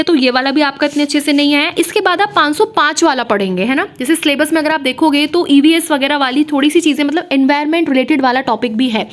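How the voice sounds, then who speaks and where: A young woman with a high, bright voice talks viewers through exam study material. Her lesson is chatty and informal, and she keeps checking in with quick asides to the listener. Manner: chatty, repeats "है ना" and "ठीक है" to the listener. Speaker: teacher exam coach. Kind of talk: screen-share lesson talk.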